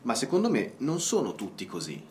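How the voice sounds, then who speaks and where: A man's voice: medium pitch, huge pitch swings, a little fast, a little mellow, a little hiss or hum. A man speaking in a scripted dialogue for language learners, often asking questions. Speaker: dialogue partner in a language lesson.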